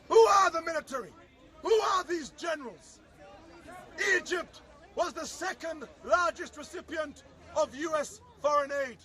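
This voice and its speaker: A man with a very high, pushed, bright voice delivers a passionate political speech as a soapbox orator at an outdoor speakers' corner, declaiming emphatically and repeating phrases. The outdoor recording carries a faint crowd and urban street sound.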